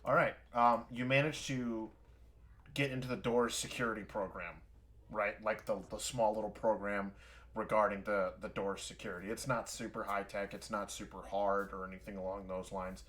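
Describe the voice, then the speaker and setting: A man's voice: fairly low pitch, steady tone, normal speed, fairly bright tone. A man running a tabletop game as game master, narrating scenes with lots of fillers and restarts. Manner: rambling, filler-heavy narration. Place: home, streaming.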